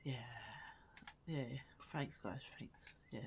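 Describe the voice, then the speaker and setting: Lively woman gushing over a game. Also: sits low, a little slow, a little hiss or hum. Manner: squeals with delight at cute things, mutters asides under her breath. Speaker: gaming video creator. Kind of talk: casual gameplay commentary.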